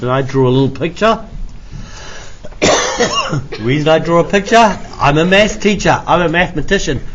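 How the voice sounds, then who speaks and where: A man's voice: on the high side, fairly bright tone, dull audio, a little hiss or hum. A man teaching a maths class in an informal, jokey, self-deprecating way, with frequent coughs between phrases. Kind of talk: classroom lesson, explaining step by step. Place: classroom with students.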